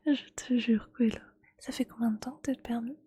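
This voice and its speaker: Talking to viewers like a streamer, a woman uses a breathy ASMR whisper, chatting casually and teasing gently. Her pitch is fairly high.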